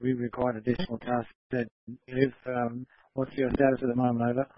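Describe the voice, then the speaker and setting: A man working as a radio dispatcher, giving quick procedural calls over a two-way radio with brief hesitations. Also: mid-range voice, a little hiss or hum. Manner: quick, flat radio talk with some hesitation. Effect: heard over a two-way radio. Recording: muffled dry two-way radio audio.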